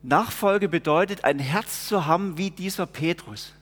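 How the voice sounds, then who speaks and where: A man's voice: sits high, normal speed, a bit bright. A preacher, explaining scripture in an earnest, conversational sermon. His voice carries a long reverb through a church.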